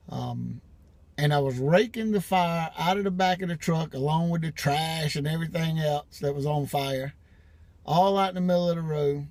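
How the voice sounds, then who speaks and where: A man's voice: a little high, darkish tone, no echo. A middle-aged man telling a casual, rambling story about his own life, full of restarts and everyday slang. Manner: rambling, colloquial, frequent restarts. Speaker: vlogger.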